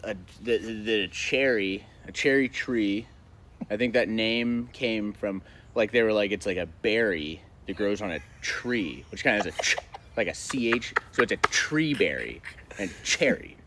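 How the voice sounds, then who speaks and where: Male podcast guest, loose and rambling, lively up-and-down delivery, quick to laugh. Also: on the low side, slight background noise. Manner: rambling, stumbling restarts, laughs at own jokes. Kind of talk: casual chat.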